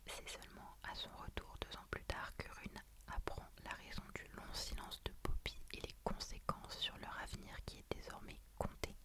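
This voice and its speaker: Woman doing asmr book talk, all soft breathy library whisper, super hushed. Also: normal speed, few pauses. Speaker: ASMR creator. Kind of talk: whispered ASMR book wishlist, reading out blurbs.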